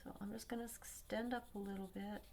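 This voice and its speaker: A woman's voice: medium pitch, fairly quick, a little hiss or hum. Woman narrating a coloring demo, thinking aloud. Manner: relaxed, thinking aloud, drops to near-whispers at times. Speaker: craft tutorial host.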